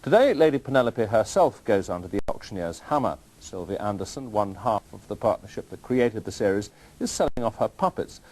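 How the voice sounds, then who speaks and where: Lively male news presenter. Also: lowish voice, fairly quick, few pauses, poor audio. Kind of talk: scripted news reading.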